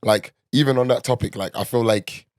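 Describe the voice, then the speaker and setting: A man's voice: mid-range voice, fairly quick, no room sound, clean studio sound. A man with an urban London accent, talking like a roadman in casual, opinionated, slang-heavy and sweary chat. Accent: London, urban street.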